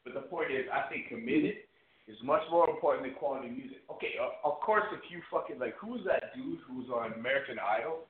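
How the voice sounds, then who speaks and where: A man calls into the chat from somewhere that rings like a cave, his voice bouncing back with a hollow echo through a thin phone line. He talks in a hyped-up, slangy way, and his voice swings up and down a lot, sitting a bit high. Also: a little fast. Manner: animated, hyped-up agreeing, slangy. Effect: echoey, cave-like sound, far from the phone. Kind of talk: casual chat. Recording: cavernous echo over a tinny phone line.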